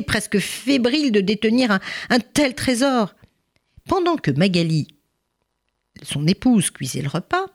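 A woman narrating a folk tale in an expressive storytelling manner, asking dramatic questions. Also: on the low side.

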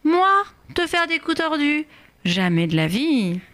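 Woman playing a sly wheedling storybook author, fairly high voice, coaxing. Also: sing-song, unhurried, fairly bright tone, heavily acted. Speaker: guest reader.

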